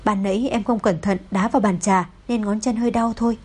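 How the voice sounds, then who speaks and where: A woman voicing a young new mother who talks softly and playfully. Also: medium pitch, steady tone, a little fast, husky, natural voice. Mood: tender. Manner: soft, playful.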